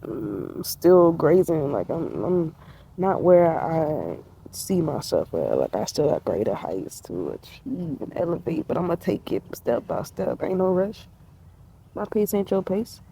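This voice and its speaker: A woman in her twenties talks casually from a seat in a tree outside, a faint hum of open air around her. Her voice is dark and gravelly with a lot of fry. She sounds relaxed and reflective, drops slang, leans spiritual and laughs easily. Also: low-pitched, a little slow, low-quality recording. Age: 20s. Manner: laid-back, spiritual, slangy, laughs often. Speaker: vlogger. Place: outdoors, sitting on a tree.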